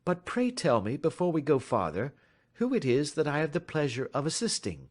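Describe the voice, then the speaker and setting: Sherlock Holmes, as a man reads him, crisp and lively. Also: on the high side, voice pushed up. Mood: confident. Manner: crisp, measured, gently ironic. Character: sharp, self-assured gentleman detective, adult male. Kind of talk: audiobook reading.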